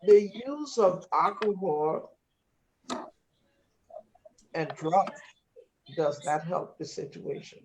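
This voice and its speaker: Slow and pausing often, this Liberian panelist has a high voice with lively intonation and a darkish tone, and he speaks with a North American accent. He is earnest and emphatic in the discussion, restarting now and then. The lo-fi recording sounds dull, with slight background noise.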